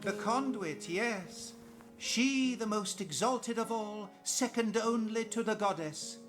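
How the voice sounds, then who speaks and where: An actor playing a zealous, condescending cult priest in a fantasy game, sermonizing in grandiose, theatrical phrases. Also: male voice, high-pitched, takes it slowly, over music. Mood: exalted, haughty. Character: lofty, zealous cult priest preaching of a blood goddess.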